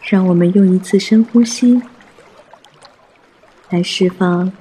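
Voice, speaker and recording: Male meditation guide, soft spa-like hush, very breathy, mellow tone, soothing, long pauses. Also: high-pitched.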